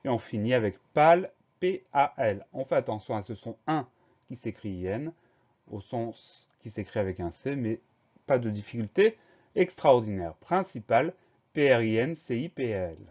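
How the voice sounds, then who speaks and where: Man spelling out words slowly. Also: mid-range voice, expressive, darkish tone. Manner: slow, careful letter-by-letter spelling. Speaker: teacher. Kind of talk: spelling lesson for primary pupils. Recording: slightly dull lo-fi recording.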